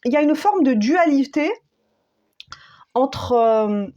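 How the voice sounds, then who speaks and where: A woman giving a spiritual tarot guidance, speaking slowly and searching for words, with many fillers and repeated phrases. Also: sits high, animated, dark tone, highs cut off. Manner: slow, soothing, repeats key phrases. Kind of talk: spontaneous spoken guidance.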